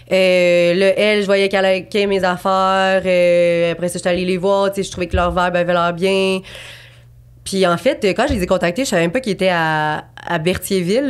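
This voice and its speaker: Chatty Québécois woman in her twenties. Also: medium pitch. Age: 20s. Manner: chatty and rambling, full of fillers and restarts. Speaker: abstract painter, guest. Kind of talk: casual podcast interview.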